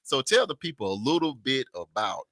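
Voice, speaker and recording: A man's voice: mid-range voice, big pitch swings, fairly quick, sharp tone. A man hosting a community radio talk show in the studio, with hyped, encouraging patter.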